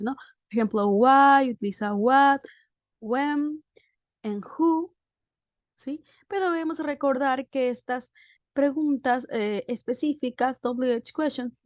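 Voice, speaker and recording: Woman teacher, high voice, patient step-by-step explaining, recorded lesson voice-over, dull lo-fi sound. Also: darkish tone, no echo. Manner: patient, explains step by step, frequent checking tags. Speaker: English teacher. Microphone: voice-over on a screen recording.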